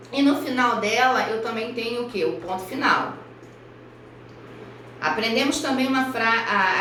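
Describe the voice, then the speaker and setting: A woman primary school teacher from Brazil giving a recorded review lesson for children, speaking slowly and carefully and spelling out each example. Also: a little high, fairly bright tone, a little hiss or hum. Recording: echoey room, voice far from mic.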